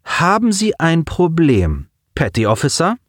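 A man reading an audiobook, voicing a cold, commanding female starship lieutenant who speaks in an icy, calm, cutting way. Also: fairly high pitch, normal speed, no echo, clean studio sound, voice pushed up. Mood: icy, scornful.

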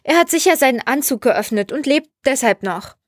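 A woman voices a passionate, stubborn woman in a storybook reading, emphatic and high-pitched, quick to indignation. Dry, close sound. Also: animated, no echo. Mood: indignant.

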